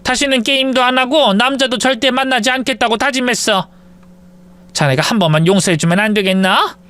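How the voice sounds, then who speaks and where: A man's voice: very high voice, a little fast, bright, forceful tone, pitched above the performer's own voice. A man voicing an older mother-in-law who pleads and scolds in old-fashioned speech. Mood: pleading.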